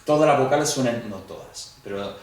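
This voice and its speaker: A man's voice: medium pitch, brisk, darkish tone. A man lectures a class in an easy, conversational way, speaking directly to his students. His voice carries through a very echoey classroom, and he stands some distance the microphone. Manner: conversational, addresses students directly, acts out quoted dialogue. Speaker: Greek teacher. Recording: echoey room, voice from off the mic.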